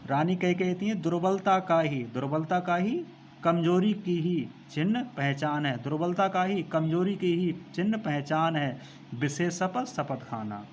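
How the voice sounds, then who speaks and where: A male teacher who recites lines of a poem slowly and then explains them, repeating phrases as he goes. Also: on the high side, expressive, a little hiss or hum.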